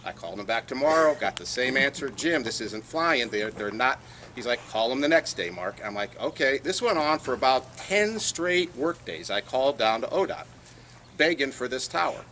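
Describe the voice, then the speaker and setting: Outdoors at a radio club site, a man speaking at a tower dedication tells an anecdote and acts out phone calls, quoting both sides. His medium-pitched voice is expressive, bright, and forceful at a moderate pace, with slight background noise.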